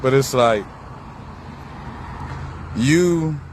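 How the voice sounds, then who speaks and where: A man's voice: medium pitch, very slow. A man talking in a rambling, profane outdoor monologue, musing on spirituality and repeating himself as his thoughts drift. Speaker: vlogger. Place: outdoors beside a busy road. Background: faint passing traffic.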